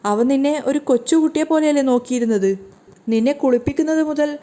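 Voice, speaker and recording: A woman's voice: high voice, brisk, mellow, lightly acted. A woman voicing a worried elderly grandmother asking anxious questions.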